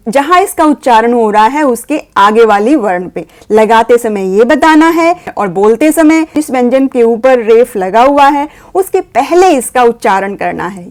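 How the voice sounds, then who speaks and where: A woman patiently explaining a grammar lesson to parents, slowly sounding out letters. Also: fairly high pitch. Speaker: teacher guiding parents.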